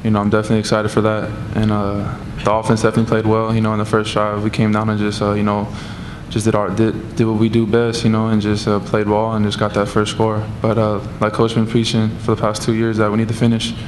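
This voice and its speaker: A young man, a college quarterback, answering questions at a post-game press conference, steady and full of "you know". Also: lowish voice, fast, hardly any pauses, a little hiss or hum. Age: young adult. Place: press room at a table before a sponsor backdrop. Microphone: table mic on a stand.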